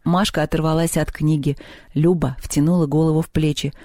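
A narrator reading a children's story aloud in a steady, expressive storytelling manner. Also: mid-range voice, a little fast, dry recording, clean studio sound. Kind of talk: audiobook reading.

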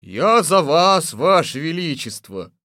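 A man's voice: on the high side, sing-song, takes it slowly, no echo, clean studio sound, pitched above the performer's own voice, exaggerated voice. Guy doing a yes-man palace servant, eager and dutiful, storybook sidekick. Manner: eager, dutiful, loud replies.

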